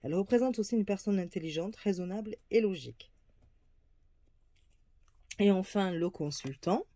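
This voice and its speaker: Woman, oracle card reader, hesitant, halting, mellow voice, dry close sound. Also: mid-range voice, no echo. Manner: hesitant, many fillers and restarts. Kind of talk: casual card reading presentation.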